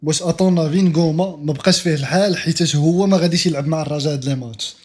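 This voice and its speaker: Man, Moroccan accent, fairly high pitch, very fast pace, casual sports podcast co-host, French phrases mixed in. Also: a little mellow.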